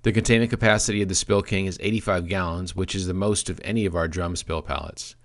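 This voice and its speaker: Man, very low voice, scripted training talk, deadpan asides. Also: quick pace. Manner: dry, deadpan humor. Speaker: product trainer. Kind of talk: scripted product training presentation.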